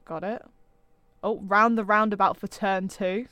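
A woman's voice: mid-range voice, fairly even intonation, measured pace, crowd noise. A woman co-hosting a casual chat podcast, chatty and trailing off with ums, sometimes sounding sarcastic without meaning to. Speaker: podcast co-host.

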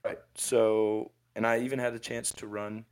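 This podcast co-host is a man in his twenties whose lowish voice stays fairly flat, smooth and slightly mellow at a moderate pace. His motivational advice wanders and turns into rants, full of restarts and self-corrections.

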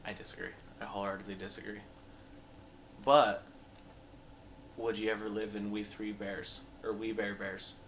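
A young man hosts a casual podcast with a low voice that has a gravelly edge. He teases his guests and argues his case with conviction. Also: flat delivery, normal speed, pauses often, fairly bright tone, a little hiss or hum. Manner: teasing, argumentative. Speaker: podcast host. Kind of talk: casual chat.

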